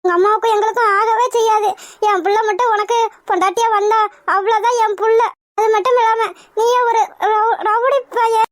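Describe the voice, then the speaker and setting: A woman's voice: very high-pitched, fairly even intonation, a little fast, no room sound. A woman voicing a distressed mother in a cartoon, begging and cursing to protect her daughter.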